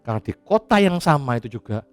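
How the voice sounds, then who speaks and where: Animated preaching man with faint music. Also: mid-range voice, quick pace. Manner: chatty and animated, laughs often, casual asides. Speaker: pastor. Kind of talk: sermon.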